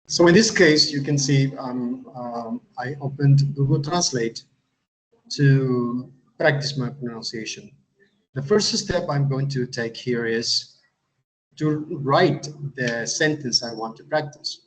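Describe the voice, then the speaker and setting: A man who teaches English, giving a step-by-step tutorial in a halting way, often repeating words and adding uh. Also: medium pitch, rough recording. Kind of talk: instructional tutorial.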